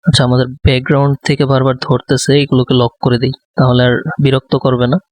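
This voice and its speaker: A man giving a design tutorial, speaking softly close to the microphone and thinking aloud with many fillers. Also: mid-range voice, level tone, fast, dry recording. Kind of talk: live screen-recorded tutorial.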